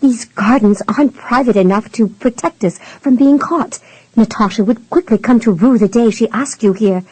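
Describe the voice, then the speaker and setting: A woman voicing a sheltered young noblewoman who pleads in a breathless, hushed way in an audiobook. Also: fairly high pitch, normal speed, breathy edge, dry recording, poor audio. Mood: pleading. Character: young aristocratic maiden, sheltered and flustered.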